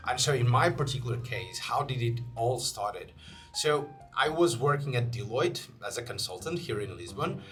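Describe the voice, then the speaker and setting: With faint guitar music behind him, a young man from Portugal hosts his channel in Portuguese-accented English. His mid-range voice is expressive and fairly bright, at a moderate pace, and his casual talk to camera has plenty of fillers and restarts.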